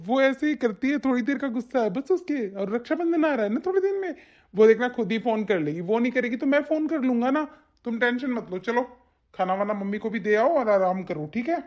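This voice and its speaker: A woman's voice: on the high side, expressive, fairly quick, a little mellow, highs cut off, natural voice. Woman plays cartoon young husband: firm, protective, soothing, lightly raised voice. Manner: reassuring, firm. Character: young husband, calm and protective of his wife. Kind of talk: animated family drama dubbing.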